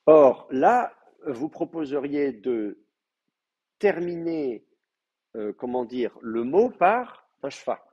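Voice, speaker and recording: A man's voice: mid-range voice, very animated, takes it slowly, a little mellow, husky, muffled recording. A man teaching an advanced Hebrew class, explaining grammar step by step with many hesitant fillers. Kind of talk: live class lecture.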